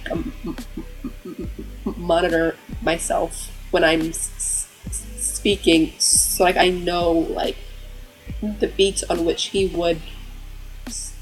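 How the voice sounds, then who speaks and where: A woman's voice: lowish voice, poor audio. A woman author who stutters heavily, with repeated sounds and blocks, talking casually in an interview.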